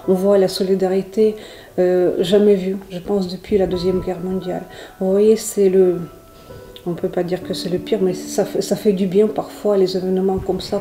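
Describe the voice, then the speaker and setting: A woman's voice: medium pitch, warm tone. A middle-aged woman from Ukraine with a Ukrainian accent, earnestly answering interview questions with many restarts. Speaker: interviewee, volunteer. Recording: echoey room with music under.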